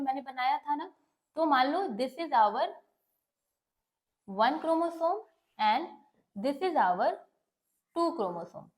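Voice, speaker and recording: A woman giving a bilingual lesson, explaining step by step and answering her own questions as she switches between Hindi and English terms. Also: sits high. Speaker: teacher. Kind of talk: bilingual classroom lecture.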